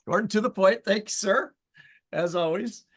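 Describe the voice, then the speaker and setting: Over a video call, a man hosts a casual online meeting, greeting people in a friendly, chatty way. His voice is high and he doesn't hurry.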